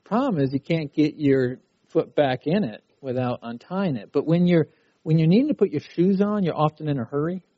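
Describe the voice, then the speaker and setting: A man's voice: fairly high pitch, lively intonation, brisk, dry recording, dull audio. A middle-aged man preaching a sermon at a youth conference, talking in a conversational way and acting out a frustrated child's cries. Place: conference hall.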